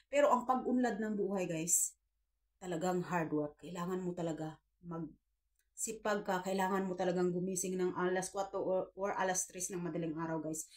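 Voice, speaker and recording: A woman's voice: on the low side, moderate pace, darkish tone. Earnest woman in her fifties giving advice. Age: 50s. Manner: earnest, preachy, addresses viewers as guys, acts out quoted dialogue. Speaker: vlogger giving life advice. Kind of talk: casual advice talk to viewers.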